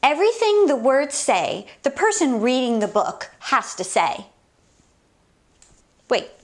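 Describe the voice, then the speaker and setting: A woman with a high, very animated voice reads a picture book aloud slowly for kids during story time. She reacts in a playful, exaggerated, theatrical way.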